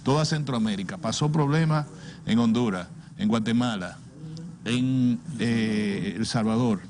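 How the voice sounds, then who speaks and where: Speaking unhurriedly at medium pitch with a slightly mellow tone, this older Dominican commentator delivers his opinionated political takes on a talk show. His Caribbean Spanish accent comes through as he repeats words and poses rhetorical questions.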